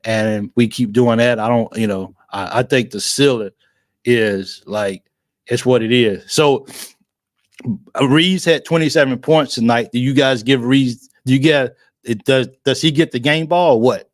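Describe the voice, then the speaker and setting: A man's voice: medium pitch, a little slow, no room sound, clean studio sound. A man hosting a sports livestream, talking emotionally and effusively, repeating himself and restarting his phrases. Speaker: livestream sports show host. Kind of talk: excited casual fan commentary.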